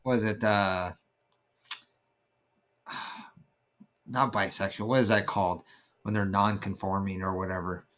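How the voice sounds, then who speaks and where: Low-voiced man, rambling casual chat. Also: fairly even intonation, a little slow, long pauses, a bit bright. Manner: rambling, many fillers, searching for words. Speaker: podcast co-host.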